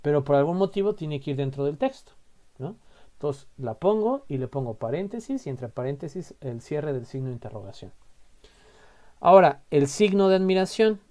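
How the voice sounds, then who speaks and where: A man's voice: a little high, lively intonation, moderate pace, darkish tone. A man with a Mexican accent teaching a casual grammar lesson, chatty and full of tag questions as he explains. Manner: chatty, explains with lots of "o sea" and "¿no?" tags.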